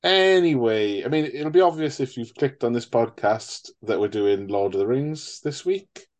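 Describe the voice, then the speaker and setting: A man's voice: mid-range voice, animated, normal speed, darkish tone. Sweary joking podcast man. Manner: jokey, sweary, rambling. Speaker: podcast co-host. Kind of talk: casual chat.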